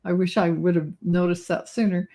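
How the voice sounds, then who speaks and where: A woman hosts a casual live chat in an eager, upbeat way, reading out viewers' comments and agreeing often. Her voice sits a little low for a woman. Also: level tone, brisk, dark tone. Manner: enthusiastic, reads viewer comments aloud. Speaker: host.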